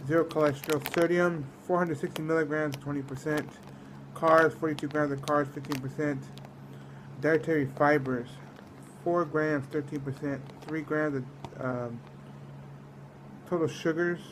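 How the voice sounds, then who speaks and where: A man's voice: on the high side, steady tone, unhurried, pauses often, noisy background. A man from the United States giving a casual, rambling food review, often trailing off mid-thought. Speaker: snack reviewer.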